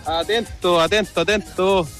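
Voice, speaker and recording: A man's voice: high voice, steady tone, unhurried, over music. A man heard as if over a two-way radio call, like a walkie-talkie, speaking in clipped radio talk that repeats its call words. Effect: two-way radio call, like a walkie-talkie over a helmet radio. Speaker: caller sending a voice message.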